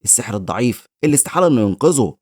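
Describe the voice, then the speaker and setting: A man's voice: medium pitch, sing-song, racing, a little mellow, no room sound, clean studio sound. A man voicing a cruel, sneering male guild leader in a recap with an Egyptian Arabic accent, mocking in tone.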